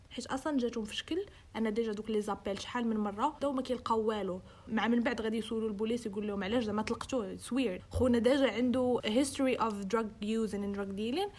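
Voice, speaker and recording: A young woman with a Moroccan accent narrates a true-crime case in relaxed podcast talk. She speaks quickly in a fairly high, slightly husky voice. She mixes in English phrases and voices the people in her story. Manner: code-switches into English, acts out quoted dialogue. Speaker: host.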